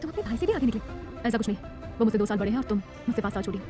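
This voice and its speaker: A woman's voice: fairly high pitch, animated, rapid-fire, over music, lightly acted. A woman narrator voicing a confident, teasing young businessman husband who speaks with a smug ease.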